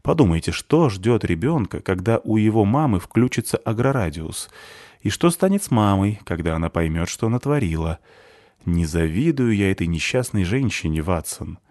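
A man voicing a gruff, sardonic ex-soldier who talks rough and dry while looking after a boy. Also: on the low side, sing-song, normal speed, a little mellow, no echo. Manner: dry, mocking, rough-spoken. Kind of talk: audiobook character reading.

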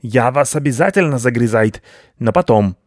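A man performs a furious turn as the storybook's pompous, vicious rat baron, whose speech is haughty, blustering and grammatically broken. His mid-range voice is expressive and moderately paced, pitched above his own and only lightly acted. The studio recording has no room sound.

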